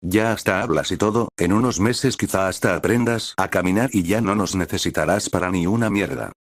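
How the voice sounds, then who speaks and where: A man's voice: sits low, a little fast, dry recording. A man voicing a cocky young male scientist and doting father, smug and precise, in a storybook reading.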